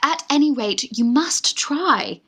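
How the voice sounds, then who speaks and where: Playing a genteel, pleading young Victorian lady eagerly in love, a woman with a British accent gives a heavily acted radio-play performance of a stage farce. Her high-pitched voice is expressive and a bit bright, and she takes it slowly.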